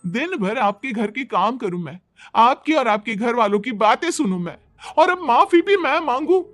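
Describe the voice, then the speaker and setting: A man's voice: sits high, measured pace, fairly bright tone, no room sound, studio quality. A man voicing a young wife who complains dramatically and pities herself. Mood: indignant. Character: whiny self-pitying young wife.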